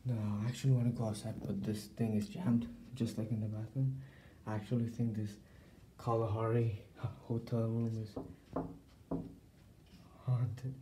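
A young man hosting a night vlog in a nervous, hushed voice. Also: on the low side, flat delivery, moderate pace. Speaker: vlog host. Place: small hotel room and entryway, indoors. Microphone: handheld phone camera. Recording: echoey hotel room, noisy handheld recording.

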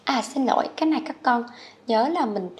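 A woman from Vietnam teaching English vocabulary to children, patient and coaxing, spelling words out slowly and repeating them. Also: a little high. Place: HCMC.

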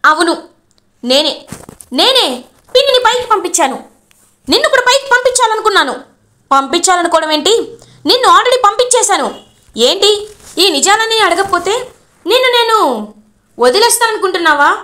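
A gloating scheming villain in a retold television serial, taunting and shrill, as a woman storyteller acts him out. Her voice climbs high and gets louder as he boasts. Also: brisk, long pauses. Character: scheming middle-aged man confessing villainy.

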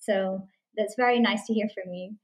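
A young woman, a student interviewer, asking questions politely and in a measured way. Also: mid-range voice, steady tone. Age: young adult.

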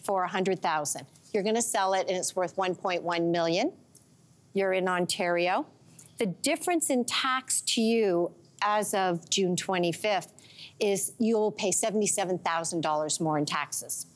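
Middle-aged woman, finance pundit type, brisk explainer who walks through numbers, studio lapel sound. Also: medium pitch. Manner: brisk explainer walking through dollar examples. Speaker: financial commentator guest. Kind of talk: explaining finances on a talk show. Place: TV talk show studio.

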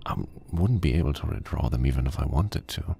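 A man voicing a weary, grim private detective who narrates a horror game in a slow, flat storytelling manner. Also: slight background noise, heavily acted. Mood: brooding. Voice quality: very deep, gravelly. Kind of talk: scripted noir narration. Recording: game audio under loud music. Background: game music.

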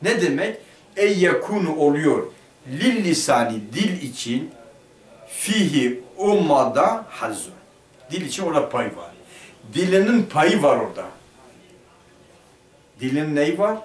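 Male teacher, higher voice, leads a grammar lesson and quizzes the class, heard from across an echoey room. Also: very animated, unhurried, pauses often. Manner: asks the class questions and answers them himself. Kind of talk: Turkish madrasa lesson explaining a grammar text. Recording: roomy classroom picked up from a distance.

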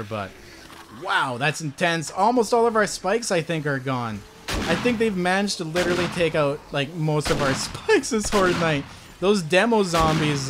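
A man hosting a gaming video, giving excited gameplay commentary full of exclamations and talking straight to his viewers. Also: high-pitched. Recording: loud gunfire and game noise behind.

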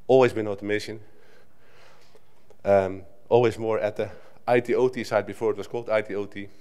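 Standing at a lectern on a conference hall stage, this middle-aged Dutchman speaks into its microphone in a conversational style with frequent restarts. His lowish voice is clean and darkish, steady in tone and a little fast.

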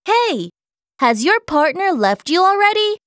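A woman voicing a cheeky, teasing young schoolboy in a storybook reading, with a bright, high boyish voice. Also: sing-song, measured pace, no echo, clean studio sound, heavily acted. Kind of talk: storybook character voice.

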